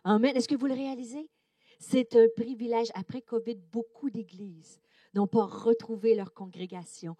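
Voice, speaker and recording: Québécois lady preacher, high voice, chatty and bold, lots of euh, dry sound. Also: moderate pace, no room sound. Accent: Québécois French. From Quebec, Canada. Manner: animated, with frequent hesitations. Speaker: guest preacher. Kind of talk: sermon.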